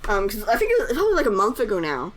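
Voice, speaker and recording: Racing through her words, a young woman with a mid-range voice and huge pitch swings records a casual editing voice-over, soft music behind her. The artist and animator YouTuber is hesitant, dropping in many fillers and little embarrassed laughs.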